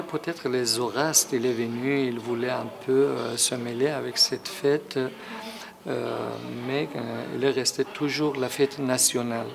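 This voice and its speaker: Being interviewed, a middle-aged association president from Iran speaks with a Persian accent, Persian being his native language. His mid-range voice is creaky. He hesitates with plenty of fillers at first but becomes more emphatic.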